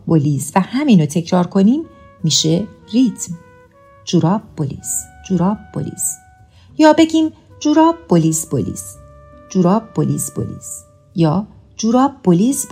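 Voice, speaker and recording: A woman's voice: mid-range voice, darkish tone, husky. A woman narrating a music lesson in a patient, explaining way, chanting rhythm patterns aloud. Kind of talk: scripted educational narration.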